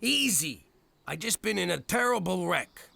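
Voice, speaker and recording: An actor playing a brash, loud mobster father in a cartoon, with a gravelly voice. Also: high voice, sing-song, measured pace, a little hiss or hum, exaggerated voice. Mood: grumbling. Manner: brash, shouting, streetwise. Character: loud blustering mobster dad, middle-aged man.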